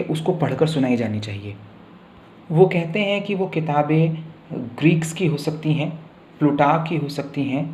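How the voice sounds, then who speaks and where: A man's voice: fairly high pitch, darkish tone. A man teaching a literature lesson, explaining step by step and often checking in with "okay". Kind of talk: spoken literature lecture. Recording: echoey room with faint hiss.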